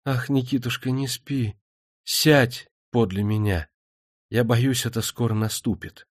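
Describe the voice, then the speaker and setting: A man plays a frightened young pregnant noblewoman, pleading in a soft, hushed voice. Her speech is quiet and drawn out, recorded dry and close. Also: medium pitch, steady tone, unhurried, dry recording, close to an everyday voice.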